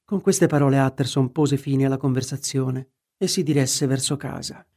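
A man narrating an audiobook in a steady storytelling manner. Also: mid-range voice, moderate pace, vocal fry.

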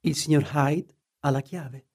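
A man's voice: on the high side, steady tone, unhurried, a little mellow, husky. A man voicing an old, respectful male butler who answers plainly. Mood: deferential.

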